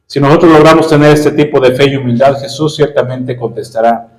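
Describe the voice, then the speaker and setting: A man's voice: medium pitch, fairly quick. A man teaching a Bible class in a conversational way, using fillers and tag questions and acting out quoted speech in a raised voice. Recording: echoey room.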